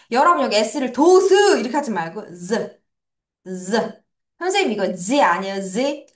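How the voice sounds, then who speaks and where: A woman with a slightly high, somewhat bright voice teaches English vocabulary to children in an academy classroom or studio. She drills pronunciation using playful sound words, and the room is echoey.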